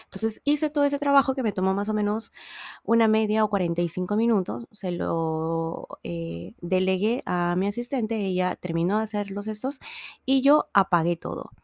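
A woman's voice: mid-range voice, normal speed, darkish tone, no echo, studio quality. A woman, hosting a podcast in a chatty, casual monologue full of fillers and restarts, sounding a little tired. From Peru. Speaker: podcast host.

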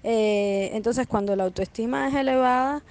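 Mellow-voiced woman sending a voice message. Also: fairly high pitch, normal speed. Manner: thoughtful, steady, uses fillers. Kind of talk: casual opinion.

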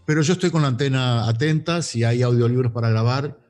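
Argentine voice actor, fifties, lively storyteller, music faintly behind. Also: male voice, medium pitch, brisk. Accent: Rioplatense Argentine Spanish. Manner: animated, gesturing storyteller. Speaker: voice actor guest. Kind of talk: casual interview over a call.

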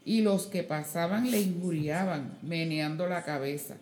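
A woman reading scripture aloud in a slow, measured way during a church service. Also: on the low side, a little mellow, faint music behind. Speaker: scripture reader. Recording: echoey room.

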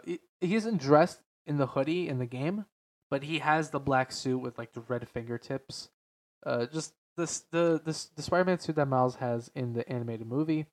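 Deep, slightly stuffy-voiced male podcast host. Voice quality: slightly stuffy, nasal sound. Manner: hesitant, rambling, self-correcting, frequent "like". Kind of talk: casual unscripted podcast talk about games and films.

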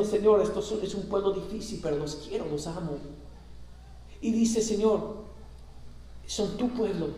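A man's voice: sits high, dark tone. A man preaching a sermon, building intensity as he retells scripture, with stumbles and restarts. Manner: preaching with rising intensity, frequent self-corrections. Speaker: pastor. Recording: echoey hall, distant mic.

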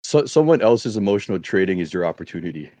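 Man, podcast co-host, quick blunt talk, lively pitch, casual swearing, dry recording. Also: no echo. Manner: blunt, animated, swears casually, laughs while talking. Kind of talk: casual trading podcast chat.

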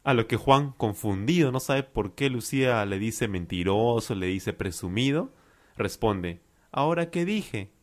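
A man with a Peruvian accent explaining phrases as a language teacher, slowly and patiently, repeating phrases and listing synonyms. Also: lowish voice. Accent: Peruvian Spanish. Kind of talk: explaining vocabulary.

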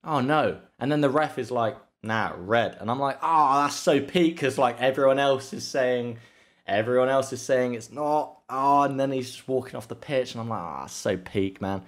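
A young man chatting casually as a podcast co-host, swearing often and rambling through animated retellings. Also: medium pitch, moderate pace. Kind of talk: casual chat.

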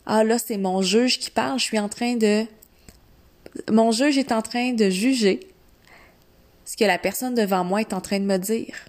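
A woman with a Quebec French accent giving an instructional coaching talk to one listener, deliberate and directive, speaking phrase by phrase with repetition. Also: on the high side. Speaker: mindset coach.

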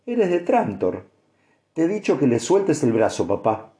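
A man's voice: wildly swooping pitch, unhurried, dark tone. A man voicing a plump, motherly older farm woman who scolds her husband and fusses kindly over a girl, in an audiobook. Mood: fussing. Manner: scolding yet tender, higher-pitched. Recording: echoey room.

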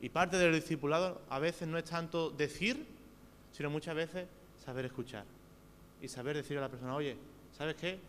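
A man with a Spain Spanish accent delivers a sermon in an earnest, direct way, asking his listeners questions. His voice sits a little high for a man. The hall around him rings with a long reverb, and a faint hum runs underneath. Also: normal speed, a bit bright. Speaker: preacher. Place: church hall.

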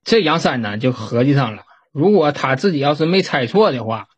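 Husky man. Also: medium pitch, expressive, fairly quick, highs cut off. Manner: folksy, swears casually. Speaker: storyteller. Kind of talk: casual storytelling.

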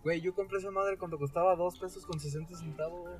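A young man with a Mexican accent telling a story in casual chat, animated and imitating relatives. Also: fast talker. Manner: animated storyteller, mimics relatives in high voices.

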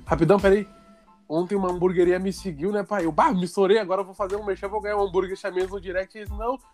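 A man's voice: high voice, level tone, rapid-fire, darkish tone, faint music behind. A man with a southern Brazilian accent in casual, rambling chat full of slang and swearing, recorded in a bedroom. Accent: southern Brazilian, Rio Grande do Sul.

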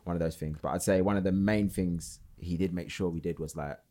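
A man's voice: low-pitched, steady tone, brisk, mellow. A man, chatting casually and reflectively.

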